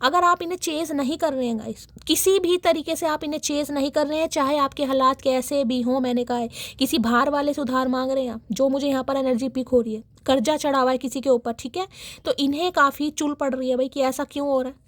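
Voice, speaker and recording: A woman giving a chatty tarot reading, talking straight to her viewers, with a dry, irritated throat that she keeps clearing. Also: high voice, steady tone, brisk, no room sound. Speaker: tarot reader.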